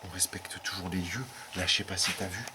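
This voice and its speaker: A man co-hosting a parody exploration video in an abandoned garage, talking deadpan and mock-serious and repeating the same stock phrase. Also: low voice, a little fast. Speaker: co-host of a parody urban-exploring show. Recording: loud background noise.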